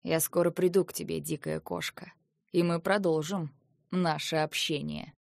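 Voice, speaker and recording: A woman reading an audiobook, voicing a stern, proud male warlord who speaks in a low, measured, domineering way. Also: steady tone, creaky, darkish tone, dry recording, studio quality. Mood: mocking. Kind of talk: audiobook dialogue.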